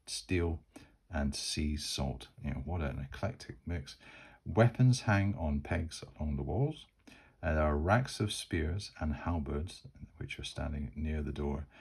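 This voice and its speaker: A man from Scotland narrating a solo tabletop game and rolling dice as he goes. His voice sits very low and husky, and his telling rambles, full of fillers and restarts. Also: darkish tone. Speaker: solo game master and player.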